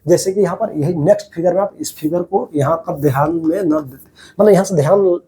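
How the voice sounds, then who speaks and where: A man's voice: a little high, a little fast, warm tone. A man teaching a biology class over diagrams, repeating each key term as a question to his students and calling them "babu".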